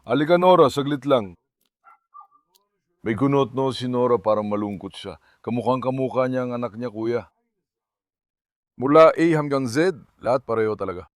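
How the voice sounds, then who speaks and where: A man's voice: mid-range voice, moderate pace, long pauses, no room sound. Man chatting to his dogs, dry close mic. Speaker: pet vlogger. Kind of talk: casual vlog narration to the camera.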